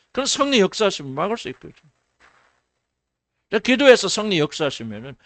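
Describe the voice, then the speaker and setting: A middle-aged man preaches, a little higher than most men, and his pitch swings widely. He fires off rhetorical questions and slips into quoted voices. The sound is dry and close. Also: a bit bright, no echo. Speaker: senior pastor. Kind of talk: sermon.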